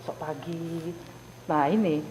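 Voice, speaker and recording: A woman giving an animated personal testimony to a group, repeating words for emphasis as she tells the story. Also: deep voice, a little slow. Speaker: Bible study member giving a testimony. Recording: roomy hall reverb, faint hiss.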